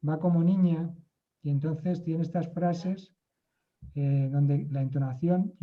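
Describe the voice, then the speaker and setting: A man's voice: fairly high pitch, muffled recording. A man talking in a casual group discussion, hesitant, with many fillers and restarts.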